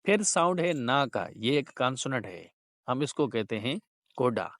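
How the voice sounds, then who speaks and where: A man teaching linguistics in a slow, deliberate lecture, mixing Hindi and English. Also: medium pitch, sing-song, a bit bright, no room sound, clean studio sound. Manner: slow, deliberate explaining, words drawn out.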